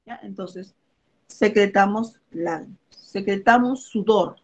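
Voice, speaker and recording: A woman's voice: mid-range voice, takes it slowly, low-quality recording. A woman teaches a biology review lesson, walking through examples and checking in with her students as she goes. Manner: explains with everyday examples, checks in with "¿ok?" and "¿ya?".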